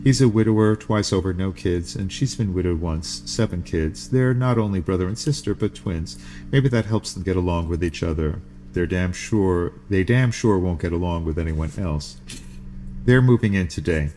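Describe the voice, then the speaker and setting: Deep-voiced guy reading a novel out loud, slow and steady, allergies. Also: slight background noise. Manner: measured, unhurried first-person reading. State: sneezing from allergies. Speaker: podcast host reading a novel.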